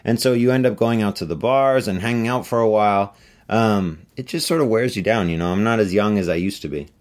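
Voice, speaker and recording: A middle-aged man, an author, answering interview questions in a relaxed, chatty way with many fillers. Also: lowish voice, a little fast. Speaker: author on book tour.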